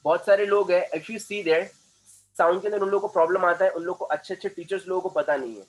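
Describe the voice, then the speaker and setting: A male communication trainer gives a classroom lecture in a somewhat high voice. He explains at length, repeats himself and keeps checking that his students follow. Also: quick pace. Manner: explanatory, repeats points, asks the class questions.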